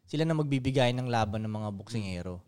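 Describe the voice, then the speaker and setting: A man with a Filipino accent co-hosting a casual podcast chat, talking in animated bursts of banter. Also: lowish voice, fast, smooth. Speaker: podcast co-host.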